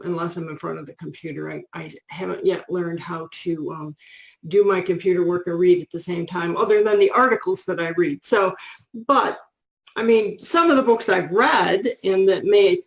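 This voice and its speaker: A woman's voice: on the low side, poor audio. A middle-aged woman co-hosting a casual show about books, chatty and full of restarts and asides. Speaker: co-host.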